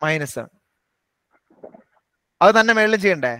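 A man teaching a live online maths class, briskly quizzing and coaxing students by name. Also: on the high side, lively intonation, bright, forceful tone, smooth, dry recording.

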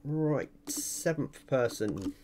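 A man's voice: mid-range voice, animated, very slow, background noise. A man hosting an online prize draw, announcing winners in a casual, chatty, informal way and talking directly to viewers. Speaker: online giveaway host and video channel owner.

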